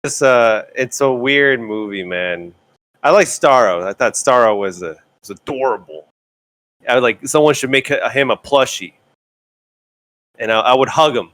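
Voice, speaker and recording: A man of middle pitch chats casually and excitedly, often repeating himself as he talks. The recording is dry, with almost no room sound. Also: normal speed, no room sound. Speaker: podcast co-host. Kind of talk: casual chat.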